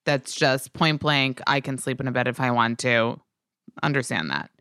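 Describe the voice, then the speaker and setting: Very low-voiced, crisp woman guest. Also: moderate pace, fairly bright tone, no echo, studio quality. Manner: supportive, chatty. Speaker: podcast guest. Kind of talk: casual chat.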